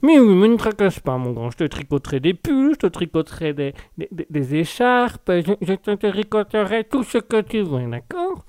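A doting old grandmother who fusses and stammers over her grown son, played by a man. Her voice sits a little high and motherly. The sound is dry and close, with no room around it. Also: very animated, normal speed, hardly any pauses, a little mellow, clear, resonant tone, dry recording.

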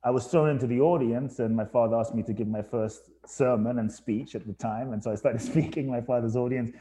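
Mellow-voiced man telling his life story. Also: mid-range voice, fairly even intonation, brisk. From Ghana. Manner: earnest, reflective, with restarts. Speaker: guest. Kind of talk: casual storytelling interview.

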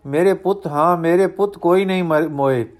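A man reading the lines of a revered guru father, solemn and declamatory in a steady manner. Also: high voice, normal speed, close to an everyday voice.

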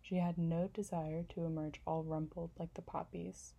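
A woman narrating a classic storybook in a calm, measured reading voice. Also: on the low side, gravelly, dull audio. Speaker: audiobook narrator.

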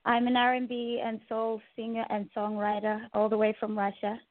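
A singer-songwriter from Zimbabwe, a woman, answering interview questions calmly and politely over the phone. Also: on the high side, moderate pace, dry recording. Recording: tinny dry phone line.

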